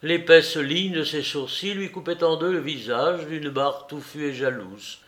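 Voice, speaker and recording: A man reading a classic novel aloud as audiobook narration, measured and expressive. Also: on the high side. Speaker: audiobook reader.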